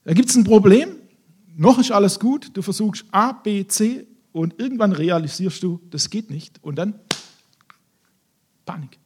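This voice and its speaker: A man preaching a sermon, telling a Bible story in an animated way and acting out the characters. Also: sits high, measured pace, pauses often, slight background noise.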